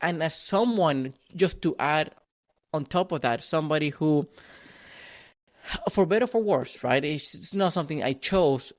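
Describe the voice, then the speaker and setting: Speaking with lively intonation at a moderate pace, a man with a somewhat high voice recounts his story as a podcast guest. He comes from Venezuela, speaks Spanish as his first language, and often restarts and repeats words in this casual, reflective telling.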